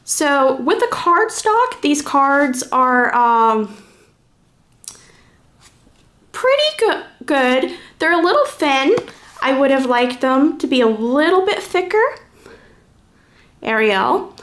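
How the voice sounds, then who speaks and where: A woman with a high-sitting, slightly bright voice presents a card deck in a casual, informal first-impressions review. She thinks aloud as she goes.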